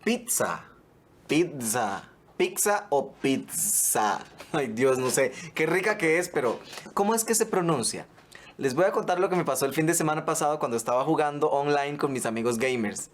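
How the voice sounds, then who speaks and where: A man's voice: on the high side, brisk, a little hiss or hum. A man presenting a playful spelling segment for students and hamming up the way words are said. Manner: playful, hams up pronunciations.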